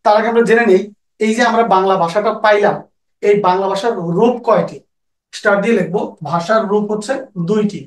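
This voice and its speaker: A man teaching a grammar lecture for exam preparation, repeating key terms slowly so students can take notes. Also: sits high, reverberant, poor audio. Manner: repeats key terms slowly for note-taking, with folksy anecdotes.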